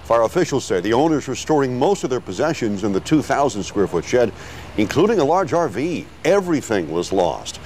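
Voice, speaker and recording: A man's voice: medium pitch, very animated, fairly quick, darkish tone, slight background noise. A man reading scripted television news as an anchor.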